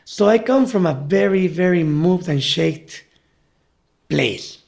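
A man's voice: high-pitched, animated, a little slow, creaky, darkish tone. A man from Mexico City with a Mexican Spanish accent, a native Spanish speaker and guide, talking reflectively and searching for words in an interview.

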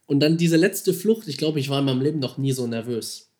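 Excited man telling a fishing story. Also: mid-range voice, brisk. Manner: excited, animated, slangy retelling with reenacted dialogue. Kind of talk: casual storytelling.

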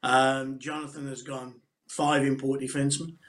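A man co-hosting a sports podcast, leading the talk and telling lively anecdotes. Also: medium pitch, moderate pace. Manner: animated anecdote teller, leads the discussion. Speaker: podcast co-host. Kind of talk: casual sports chat.

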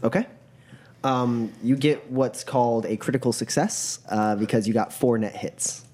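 A man's voice: medium pitch, moderate pace, darkish tone. A man narrating a tabletop role-playing game and calling for rolls as game master.

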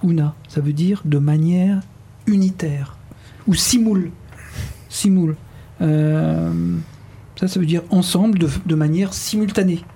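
A man's voice: fairly high pitch, unhurried, mellow, husky. A man hosting a radio show, talking casually with many fillers and restarts.

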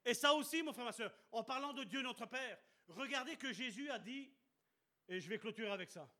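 A man's voice: extremely high pitch, animated, brisk, pushed and bright. A man preaching a sermon at a church service, emphatic and repeating short commands.

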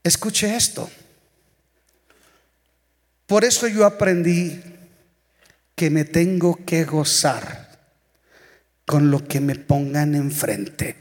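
A man's voice: fairly high pitch, extremely slow, pauses often. A man with a Mexican Spanish accent, an evangelist preaching a humorous, storytelling sermon. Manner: storytelling, humorous, singing snippets. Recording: long church hall reverb.

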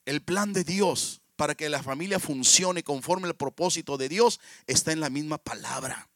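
A man's voice: fairly high pitch, moderate pace, fairly bright tone, no room sound, studio quality. A man in his fifties with a Mexican Spanish accent, preaching a sermon, telling stories and often calling out to the congregation. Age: 50s. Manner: storytelling, often calls out to the congregation.

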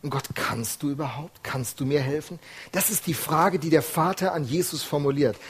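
A man's voice: a little high, normal speed, slight background noise. A male preacher giving an earnest, emphatic sermon full of rhetorical questions.

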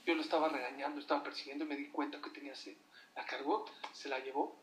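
A man's voice: mid-range voice, fairly even intonation, fast talker, fairly bright tone, a little hiss or hum. Emphatic man preaching, echoey. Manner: emphatic, asks the audience rhetorical questions. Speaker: religious teacher addressing an audience. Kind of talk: sermon. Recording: echoey room, voice from far off.

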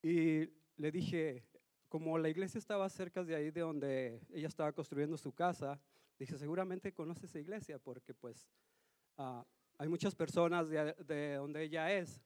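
A man's voice: on the high side, normal speed, a little mellow, dry recording. A man giving a sermon as a guest preacher in a church, telling a personal story in an earnest, slightly nervous way. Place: church hall.

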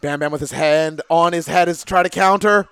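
A man doing wrestling commentary with excitable exclamations and wry, conversational asides. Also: on the high side, normal speed, clear, resonant tone, no echo.

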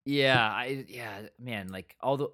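A man's voice: mid-range voice, slow pace, pushed and bright. A man co-hosting a podcast, chatting casually about a TV episode and drifting into quoted asides. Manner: rambling, full of restarts and quoted asides. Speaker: podcast co-host. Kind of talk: casual review chat.

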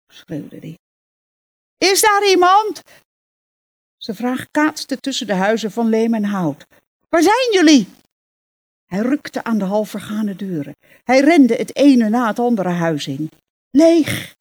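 A woman reads a novel aloud in a measured, expressive way. Her voice is breathy and slightly husky, at an ordinary middle pitch for a woman. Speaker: reader.

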